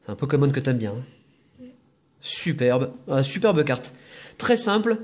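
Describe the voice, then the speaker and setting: Brief: husky male host, casual card-opening commentary, chatty with quick asides. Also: mid-range voice, sing-song.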